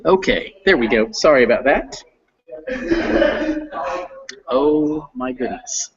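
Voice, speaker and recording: In a classroom that isn't his usual one, a man teaches an online English reading class with casual, friendly instruction, a bit hesitant and full of fillers. His medium-pitched voice is husky and animated, moving at a slow pace. The highs are cut off.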